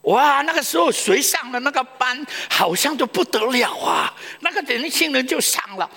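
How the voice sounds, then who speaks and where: A male pastor preaching a sermon, telling stories with loud exclamations and hushed asides. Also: very high voice, normal speed, vocal fry, breathy edge, in a large hall. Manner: animated storytelling, swings between loud exclamations and hushed asides.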